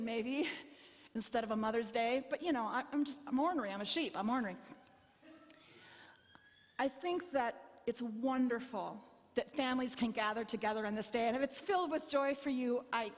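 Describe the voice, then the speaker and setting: A middle-aged woman pastor preaches an earnest sermon in a high voice, taking her time over each phrase. Her words ring out with the long reverb of a church sanctuary. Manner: slow, earnest preaching with quoted speech.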